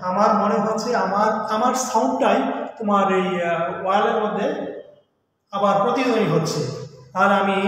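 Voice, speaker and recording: A high-voiced man leads a live grammar lesson. He quizzes his viewers, repeats the key terms and keeps asking them to comment. Every word rings in a cathedral-like echo with a long tail, over a faint hiss. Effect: cathedral-like echo bouncing off the walls. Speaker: teacher. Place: bare room with hard walls.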